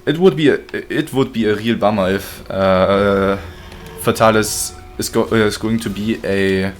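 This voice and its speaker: Male streamer, lower register, playful and talkative, answering chat mid-game, light noise behind. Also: a little slow. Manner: joking, chatty, reads chat aloud. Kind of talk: live gameplay commentary.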